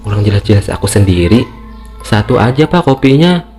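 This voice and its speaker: A man's voice: fairly low pitch, very animated, fairly quick, a little mellow. A man voicing a puzzled, uneasy young male motorbike rider in a horror story, questioning and talking to himself. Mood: bewildered. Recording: music playing behind the voice.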